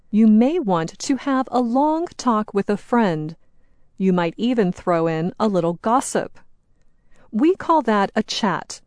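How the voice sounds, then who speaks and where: Slow, deliberate American woman presenter. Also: mid-range voice, darkish tone, dry recording, clean studio sound. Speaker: program host. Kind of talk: scripted educational narration.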